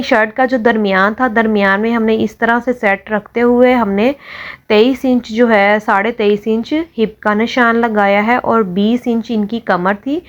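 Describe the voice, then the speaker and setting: Woman calmly explaining sewing steps. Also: medium pitch. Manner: patient and methodical, explains each step in detail. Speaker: sewing instructor. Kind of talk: step-by-step tutorial voice-over.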